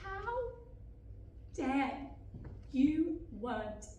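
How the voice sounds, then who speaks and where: A young woman acting a defiant, wounded wife live on a theatre stage, swinging between quiet and shouting. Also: high voice, expressive, extremely slow, lo-fi sound, exaggerated voice. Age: young adult. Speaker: student actor. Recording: echoey stage from far off, faint noise.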